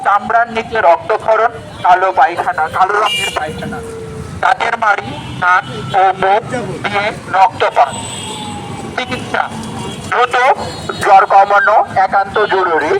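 A man announces a public notice over a loudspeaker, his voice pitched high and delivered in a slow, formal cadence. Now and then he stumbles and restarts a word. Heavy street noise surrounds the amplified voice. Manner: formal, slow and declamatory, with occasional slips and restarts. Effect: amplified through a loudspeaker. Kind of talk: read-out public service announcement.

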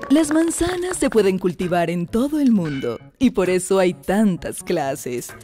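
A woman's voice: mid-range voice, very animated, measured pace, dark tone. A woman voicing a cheerful talking apple who narrates a cartoon and tells jokes, speaking in an affectionate, theatrical way. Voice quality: affectionate, theatrical, blowing kisses. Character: cheerful talking apple, female, loves her audience. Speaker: narrator and joke teller. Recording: faint background music.

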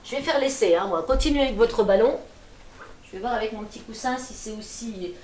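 A middle-aged woman leading a gentle seated exercise class from her attic room at home, with calm, encouraging and folksy cues. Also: on the high side, brisk, slight background noise. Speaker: gentle gym instructor. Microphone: far camera. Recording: echoey room from far off.

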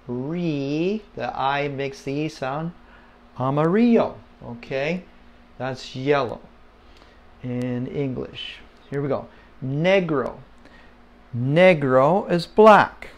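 A man giving a casual home-made Spanish lesson, slow and patient, with many fillers, repeating words for listeners to say along. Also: medium pitch. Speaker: Spanish teacher.

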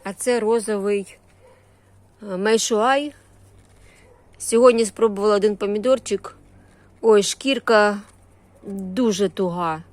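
A woman with a Ukrainian surzhyk accent, using Russian-influenced words, walks through a vegetable garden and greenhouse on a casual, unscripted tour. She talks in short, homely phrases full of diminutives. Her mid-range, darkish voice is slow with frequent pauses, and the recording is dry.

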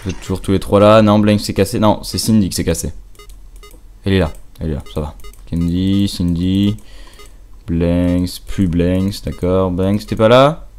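Low-voiced young gamer over game music. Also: male voice, fairly even intonation, moderate pace, a little mellow, clean tone. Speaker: gamer commenting on own play. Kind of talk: casual let's play commentary.

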